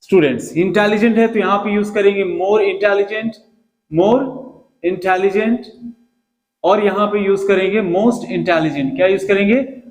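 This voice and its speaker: A man's voice: high voice, unhurried, rough recording. A man teaching an English grammar lesson with a Hindi accent, who repeats key words and quizzes his students as he goes.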